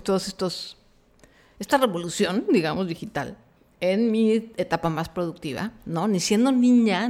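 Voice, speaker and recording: Brief: middle-aged Mexican woman, podcast host, Mexican accent, mid pitch, frank and chatty, slangy asides. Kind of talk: casual chat monologue.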